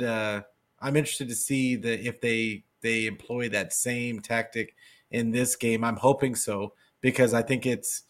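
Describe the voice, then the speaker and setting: A male sports podcast co-host with a relaxed, measured delivery who thinks aloud as he speaks. His voice sits at a plain middle pitch. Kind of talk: casual podcast banter.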